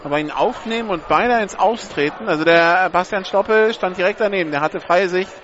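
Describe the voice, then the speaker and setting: Male play-by-play announcer for American football, high voice, dull recording with clear background noise. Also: a little fast, a bit bright. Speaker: play-by-play commentator. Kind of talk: live American football commentary.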